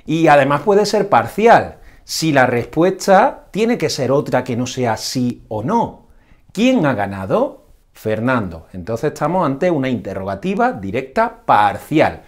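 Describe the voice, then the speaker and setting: A man gives a grammar lesson, walking through each point step by step. His pitch rises and falls with a lively, animated intonation. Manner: explains step by step with varied intonation. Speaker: language teacher. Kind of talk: explanatory lesson.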